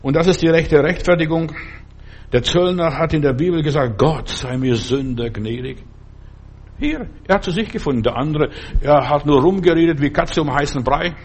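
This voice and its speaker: A man's voice: on the high side, fairly quick, darkish tone, breathy edge. A middle-aged man preaching a sermon, earnest and full of rhetorical questions.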